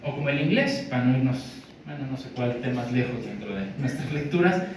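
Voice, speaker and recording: A man's voice: medium pitch, animated, a little fast. A man with a Mexican Spanish accent giving an academic lecture in a conversational way, often checking in with his audience. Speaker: linguistics lecturer. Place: large lecture hall. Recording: echoey hall from far off, faint noise.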